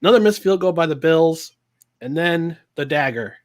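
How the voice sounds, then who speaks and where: A man's voice: on the high side, animated, moderate pace. A man co-hosting a casual football reaction show, recapping plays with mock exasperation. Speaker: podcast co-host. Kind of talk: casual sports chat.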